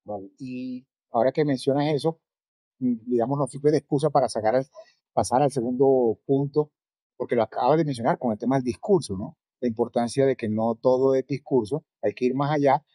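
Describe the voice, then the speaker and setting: Mellow-voiced man conducting an interview. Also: medium pitch, a little fast, no echo. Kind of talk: casual interview talk.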